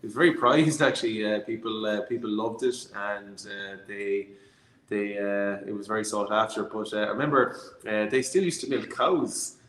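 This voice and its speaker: A man with a west of Ireland accent telling stories conversationally, in a reflective, hesitant way with many pauses. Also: lowish voice, a bit bright. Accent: Irish, west of Ireland. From Galway, Ireland. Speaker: distillery founder being interviewed. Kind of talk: conversational storytelling. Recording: roomy, echoey sound.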